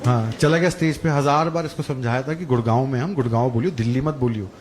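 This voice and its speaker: On a club stage, a young comic works through a crude, conversational storytelling set in a mid-range voice at a quick pace. Laughter from the audience and room noise come through loudly.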